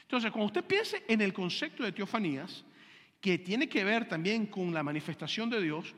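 Brief: male preacher, high and bright, teaching a sermon with call-and-repeat, long church hall reverb. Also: big pitch swings, normal speed. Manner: has the congregation repeat terms and checks they follow. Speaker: pastor.

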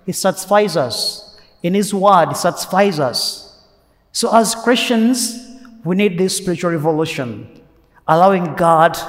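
A priest giving a Sunday homily in an earnest, emphatic way, repeating key phrases, heard with a cathedral echo. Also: male voice, high voice. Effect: cathedral echo, long church reverb. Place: large church. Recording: long echo of a large church.

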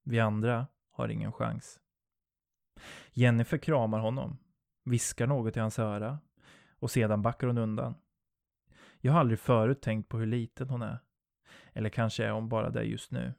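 A man narrating a first-person horror story in a low, steady storytelling voice. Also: creaky, dry recording.

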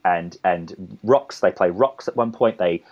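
Australian guy, low voice, talks in loops with lots of restarts, kinda dull lo-fi audio. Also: unhurried. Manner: rambling, many restarts and asides. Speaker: composer and conductor guest. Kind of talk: conversational interview.

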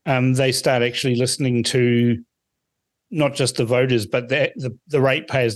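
A man from Fiji hosting a casual radio phone-in, speaking conversationally with a halting delivery. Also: mid-range voice, no room sound. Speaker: radio talk show host.

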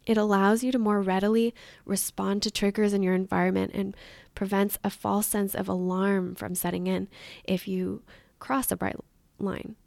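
Gravelly, upbeat woman podcast coach. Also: mid-range voice, darkish tone, dry recording. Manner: upbeat and encouraging, with light laughs. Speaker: podcast host and weight loss coach. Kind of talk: motivational podcast monologue.

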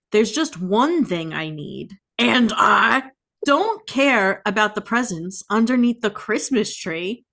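A podcast co-host with a fairly bright voice on the high side gives playful, theatrical dramatic readings of song lyrics. She delivers them in an exaggerated, melodramatic way.

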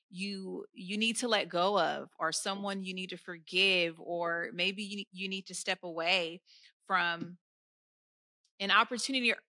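Woman host, bright crisp voice, encouraging, dry studio sound. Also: lowish voice, no room sound. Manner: warm encouraging, addresses listeners as friends. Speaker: podcast host. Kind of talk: faith podcast interview.

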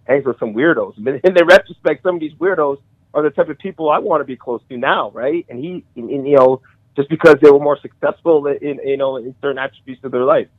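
A middle-aged man sharing memories of a friend on a call, halting with many restarts and emotional. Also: on the high side, no room sound. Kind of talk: casual conversation. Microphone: call audio. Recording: tinny phone-like call audio.

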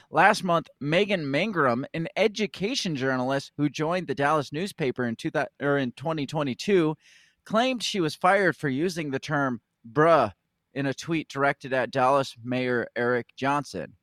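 A man co-hosts a casual news podcast, chatting with lively energy and slipping into voices for the people he quotes. His voice sits a little high for a man, and the recording is close and dry with no room sound. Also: moderate pace, dry recording. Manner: animated, acts out quoted voices. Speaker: podcast co-host.

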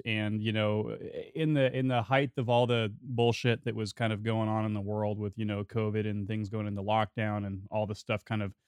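A man's voice: lowish voice, clean tone, no echo, studio quality. A man hosting a metal radio show, chatting casually and loosely with his guest in a laid-back way. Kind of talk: casual interview chat.

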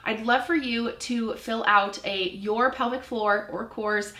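A woman in her forties speaks with a slightly high voice, chatty and earnest, poking a little fun at herself as she explains. She hosts a solo podcast. The recording has a noticeable room echo. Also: steady tone, takes it slowly, bright, forceful tone. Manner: chatty, earnest, self-deprecating with small laughs. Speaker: podcast host, pelvic floor physical therapist.

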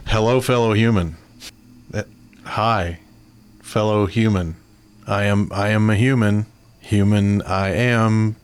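Stilted fake-human lure, put on by a male player: low, slow, halting and repetitive. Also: fairly even intonation, clean tone. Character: stilted voice awkwardly faking being human. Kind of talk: tabletop game role-play.

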